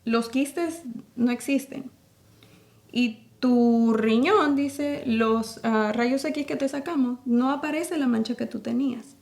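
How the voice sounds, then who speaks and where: A woman's voice: fairly high pitch, slow pace, vocal fry, a little mellow. Earnest Salvadoran woman giving testimony. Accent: Salvadoran Spanish. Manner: earnest, retells scenes with quoted dialogue. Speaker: podcast guest. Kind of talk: personal faith testimony.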